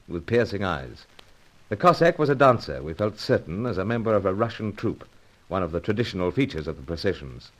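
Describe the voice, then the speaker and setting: In an old-time radio adventure serial, a male actor with a fairly low voice plays a suave secret agent hero, delivering his lines earnestly and dramatically. The recording is rough.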